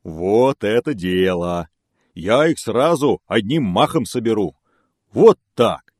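A man voicing a big, clumsy, greedy male bear who talks gruffly and slowly. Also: animated, a little mellow, no echo, studio quality. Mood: eager. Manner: booming and slow, gruff.

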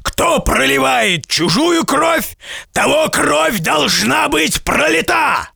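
A man voicing a huge, wrathful giant who shouts his threats slowly and menacingly in a storybook reading. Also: very high voice, sing-song, gravelly, no room sound, clean studio sound, voice pushed up, heavily acted. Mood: furious.

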